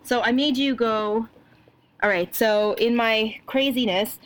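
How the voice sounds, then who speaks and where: A woman's voice: fairly high pitch, slow, a little hiss or hum, rough recording. A woman co-hosting a knitting podcast at home, chatting casually with many fillers and restarts. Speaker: podcast co-host. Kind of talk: casual chat.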